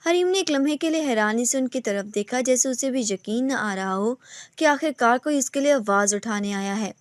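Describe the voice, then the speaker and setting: A woman reading a romantic novel aloud in steady scripted narration. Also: fairly high pitch, dry recording.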